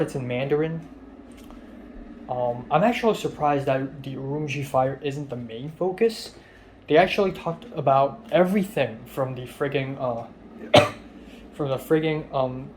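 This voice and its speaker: A young man from Hong Kong talks casually in a spoken video diary, his medium-pitched voice a little mellow over a slight hiss or hum. This vlogger is frank and rambling, swearing freely and saying "um" a lot.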